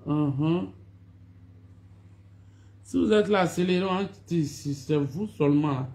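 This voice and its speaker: A woman's voice: deep voice, a little slow, dark tone. A woman talks on a phone live stream, greeting her followers over and over and scolding them for not showing up. She sounds repetitive and reproachful. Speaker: online video personality hosting a live stream.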